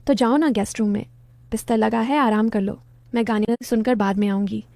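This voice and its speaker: A woman's voice: a little high, steady tone, fairly quick, creaky, mellow, dry recording. A woman voicing a playful young wife who teases her husband and brushes off her sister. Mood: teasing. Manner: teasing, brushing off questions.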